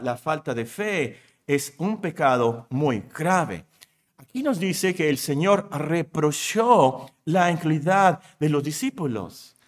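A male pastor delivers a sermon at a slow, deliberate pace. His voice sits high for a man, and he repeats his key words for emphasis, building to near shouts.

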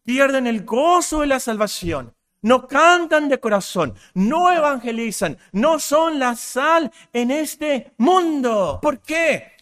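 Man, preacher, sermon, passionate, repetitive emphasis, high voice, lively intonation. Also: slow. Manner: passionate, repeats phrases for emphasis.

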